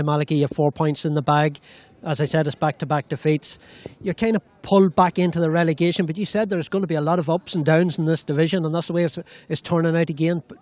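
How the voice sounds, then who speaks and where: A man's voice: fairly high pitch, a little mellow, no room sound. A man with an Irish accent interviewing after a sports match.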